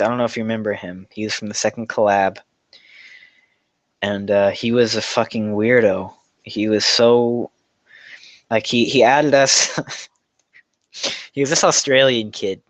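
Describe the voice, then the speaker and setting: A man's voice: fairly low pitch, dry recording. A young man casually chatting on a livestream, telling rambling, profane stories and laughing through them. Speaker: livestream host answering chat questions.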